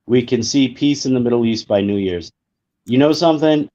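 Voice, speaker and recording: A man's voice: medium pitch, brisk, mellow, highs cut off. A man co-hosting a casual livestream, chatting in an easygoing way. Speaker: livestream co-host.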